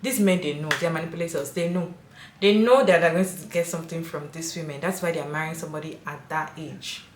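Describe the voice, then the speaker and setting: A woman hosting a video offers her opinions emphatically and poses questions to viewers in casual commentary. Her voice sits low and moves briskly, with a roomy sound.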